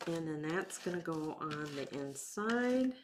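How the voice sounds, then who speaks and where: A woman leads a casual craft demonstration in a slightly low voice. She talks informally through each step as she works, taking her time. Faint noise sits in the background. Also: animated. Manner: informal, unhurried, talking while working with hands. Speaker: craft instructor and bingo night host.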